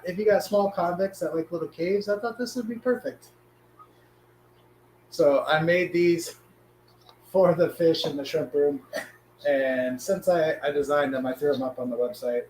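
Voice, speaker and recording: Hoarse, raspy man in an echoey room. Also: a little high, a little mellow, slight background noise. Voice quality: hoarse smoker's rasp. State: sick, hoarse voice. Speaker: live stream host. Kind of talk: casual live stream chat.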